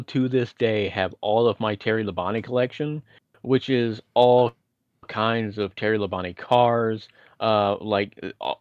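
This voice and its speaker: A man's voice: mid-range voice, dry recording, lo-fi sound. A man from Indiana, podcast co-host, telling chatty, winding stories with self-deprecating asides. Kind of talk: casual nostalgic storytelling.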